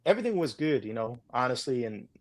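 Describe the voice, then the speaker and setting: A man's voice: mid-range voice, very animated, fast talker. A man with an Arabic accent calling in and telling his account casually, politely and hesitantly, often repeating himself. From Saudi Arabia. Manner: hesitant, repetitive, polite, addressing listener as brother. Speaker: caller.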